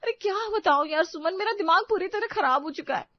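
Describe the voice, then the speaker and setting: A woman's voice: very high-pitched, expressive, a little fast, no room sound, voice pushed up. Woman voicing a fed-up young daughter-in-law. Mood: complaining. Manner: indignant, complaining. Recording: dry, slightly dull sound.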